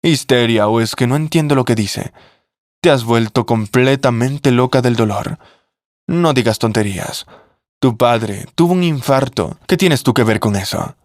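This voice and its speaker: Man as awkward young consoler, gentle, mid-pitched, dry. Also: unhurried, no room sound, close to an everyday voice. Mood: consoling.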